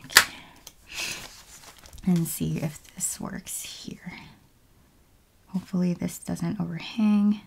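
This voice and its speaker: Whispering slowly in a lowish, creaky voice with fairly even intonation, a woman narrates her crafting at home for a planner video. She pauses often, muses to herself, and frequently trails off into murmurs.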